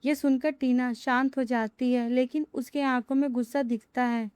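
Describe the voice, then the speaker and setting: A woman reads a romance story aloud in a steady, dramatic style. Her voice is high and smooth, with a mellow tone. The recording is dry and close to the mic. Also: normal speed, dry recording.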